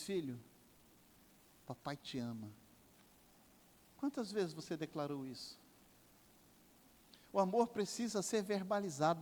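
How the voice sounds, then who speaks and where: Older Brazilian pastor preaching in echoing hall. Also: male voice, sits high. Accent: Brazilian Portuguese. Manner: impassioned preaching with sweeping rises and drops. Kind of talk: sermon. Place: church sanctuary. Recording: long church hall reverb.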